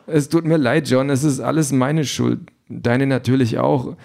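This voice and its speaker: A man's voice: mid-range voice, steady tone, measured pace, vocal fry, a little mellow, pitched above the performer's own voice. Man voicing a weary, cursing campaign manager. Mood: despairing. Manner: raised voice, blunt and swearing. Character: exhausted, frustrated female campaign manager.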